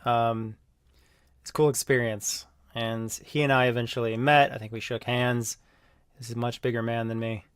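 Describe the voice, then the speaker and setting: A man talking casually on his video channel, rambling with lots of fillers and jumping into loud mocking voices when he quotes people. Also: mid-range voice, level tone, normal speed, clean tone, dry recording, clean studio sound. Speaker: YouTuber. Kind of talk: casual monologue.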